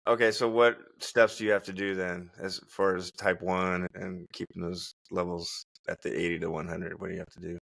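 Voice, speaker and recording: Man, podcast host, very low voice, dry sound, halting questions. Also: little pitch movement, vocal fry, a bit bright, no echo. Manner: halting, restarts his questions. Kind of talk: casual interview.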